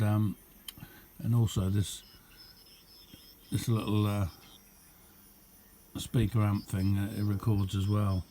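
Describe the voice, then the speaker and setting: A man demonstrates a homemade radio in a casual, unscripted show-and-tell, rambling along in an understated hobbyist way. His voice is fairly low with a dark tone, and there's slight background noise.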